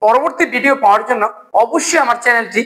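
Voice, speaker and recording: A man teaching a video lesson, who asks the class a question and answers it himself, and spells out word forms slowly one by one. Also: very high-pitched, lively intonation, bright, forceful tone, rough recording. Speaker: English teacher.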